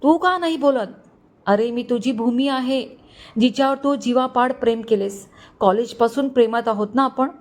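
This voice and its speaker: A woman's voice: on the high side, normal speed, pitched above the performer's own voice, close to an everyday voice. A woman voicing a desperate young bride who pleads tearfully with her groom in a storybook reading. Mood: pleading.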